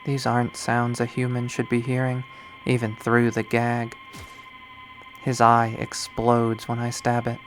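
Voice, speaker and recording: A man reads aloud the lines of a lovesick, obsessive young woman who has turned to killing, in a dramatic first-person visual novel readthrough. Her hushed, brooding monologue is mid-pitched, completely flat, and slow, each line left hanging. The voice sounds natural, with faint music behind and a rough recording.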